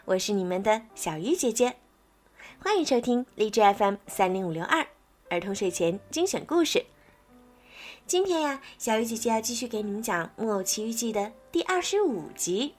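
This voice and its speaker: A woman hosting a children's bedtime story show, reading a story aloud in a soft, friendly way. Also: fairly high pitch, very animated, moderate pace, faint music behind.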